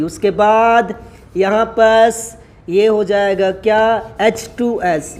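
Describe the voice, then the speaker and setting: A man teaching chemistry writes on a board while lecturing in a high voice. He frequently questions the class and answers himself, addressing his students familiarly as son and brother.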